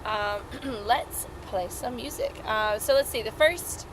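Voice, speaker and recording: A woman who is a livestream host and singer-musician chats in a folksy, welcoming way during a casual livestream from inside a small RV trailer, with the air conditioning running and music behind her. Her voice is on the high side and slow, against a noisy background.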